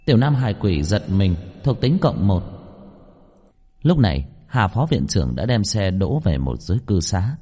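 Low, mellow male narrator. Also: big pitch swings, normal speed, husky. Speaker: audiobook narrator. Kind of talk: scripted narration. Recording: long reverb.

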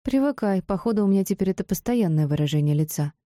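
A woman voicing a brash, foul-mouthed young female student with a sharp, mocking manner, in an audiobook. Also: medium pitch, expressive, fast, no room sound, clean studio sound, natural voice. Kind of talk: audiobook character voice.

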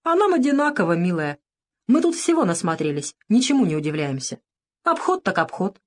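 A woman's voice: medium pitch, sing-song, brisk. Woman voicing a grumbling old army officer. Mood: weary. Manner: grumbling, lecturing. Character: gruff older male ex-political officer, grumbling.

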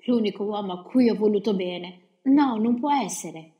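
A woman's voice: medium pitch, expressive, moderate pace, lo-fi sound, pitched above the performer's own voice, natural voice. A woman reading an audiobook voices a grief-stricken young woman who begs and cries out. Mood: anguished. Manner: pleading, crying out. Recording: roomy echo.

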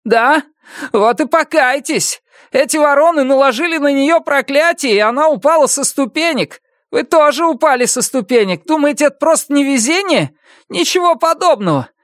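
A narrator voicing a spiteful, bullying male neighbor with a shrill, sneering manner in an audiobook. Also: big pitch swings, normal speed, fairly bright tone, no room sound, clean studio sound, exaggerated voice. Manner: sneering, bullying, rising to a shriek.

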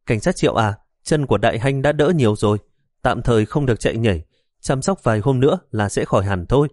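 A man voicing a polite, calm young woman who lives next door. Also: medium pitch, quick pace, no room sound, clean studio sound, lightly acted.

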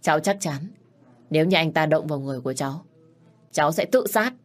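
A frightened young bride speaks earnestly, pleading for answers, as a woman narrating a storybook puts her on. Her voice stays low-pitched. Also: quick pace, faint music behind, lightly acted. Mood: defiant.

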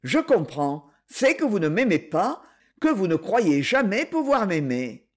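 A woman's voice: medium pitch, sing-song, a little slow. A woman voicing an ardent young man pleading his love in a tender, muffled way.

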